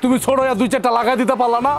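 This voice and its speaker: An indignant young husband. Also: male voice, extremely high pitch, flat delivery, rapid-fire. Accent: colloquial Bangladeshi Bengali. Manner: indignant, scolding. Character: angry young husband defending his mother. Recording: with faint background music.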